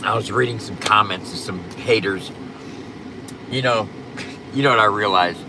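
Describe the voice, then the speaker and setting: A man's voice: lowish voice, moderate pace, background noise. A man chatting casually on a livestream in a blunt, profane, rambling way, his speech slightly slurred and lisping as with loose new dentures. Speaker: livestream host.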